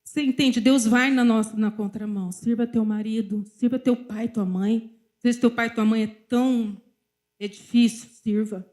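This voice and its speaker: This middle-aged woman speaks with a Brazilian Portuguese accent as she preaches at church, sharing personal testimony in a storytelling manner and regularly addressing the congregation. Her voice is a little high and darkish, with a steady tone at a normal speed.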